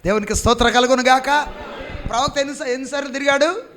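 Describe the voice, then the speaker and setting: A man preaching a sermon, quizzing the congregation and stretching key phrases slowly and loudly. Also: very high-pitched.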